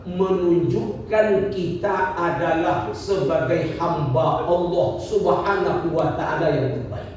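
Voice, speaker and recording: This preacher in his fifties speaks in a high voice as he lectures on religion, asking rhetorical questions, going over his points again, and sharing gentle jokes with the congregation. The recording picks him up at a distance in an echoey hall, with slight background noise.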